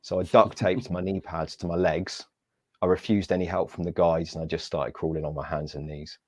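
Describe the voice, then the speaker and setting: A man with a very low voice tells his story as an interview guest. He is lively and self-mocking, acting out the people he quotes. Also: a little fast, dry recording, clean studio sound. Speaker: guest, Paralympic athlete.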